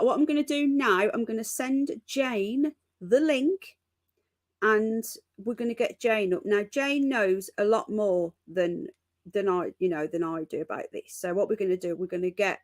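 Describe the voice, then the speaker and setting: A mid-range female voice, recorded clean with no echo, belongs to a woman hosting a casual live news stream from home. Chatting with her viewers, she repeats herself and calls them folks and darling.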